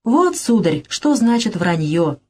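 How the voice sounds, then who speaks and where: A woman's voice: mid-range voice, big pitch swings, slow, a little mellow. A woman reading the part of an older, flustered father who speaks hesitantly.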